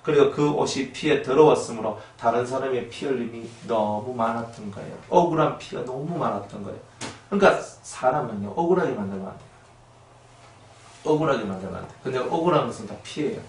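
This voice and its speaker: Male pastor preaching, acts out voices and shouts lines, sounds far from the mic in an echoey church hall. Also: mid-range voice, lively intonation, a little fast, slight background noise. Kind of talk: sermon.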